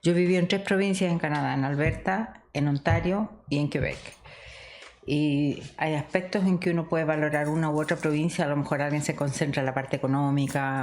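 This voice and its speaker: A woman's voice: sits low, slight background noise. A middle-aged woman from Chile, co-hosting a podcast and telling stories of her past in a reflective, conversational way, laughing often. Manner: warm, reminiscing, laughs often. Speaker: podcast co-host.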